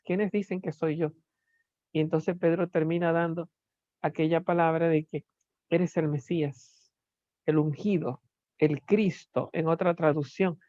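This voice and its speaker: A lecturer teaching a class at an unhurried, deliberate pace, often stopping to search for the next word. The delivery leans on rhetorical questions. The recording is dull and lo-fi, with a dry, close sound. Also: mid-range voice, warm tone, no room sound.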